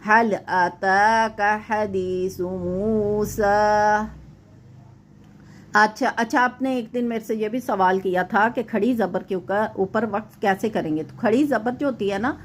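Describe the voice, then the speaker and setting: A woman's voice: mid-range voice, a little hiss or hum. Woman tajweed teacher, patient and methodical, mid-range voice, walks a student through each rule. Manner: patient, explains step by step, often checks in with "okay"; recites verses slowly and drawn out. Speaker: Quran recitation teacher.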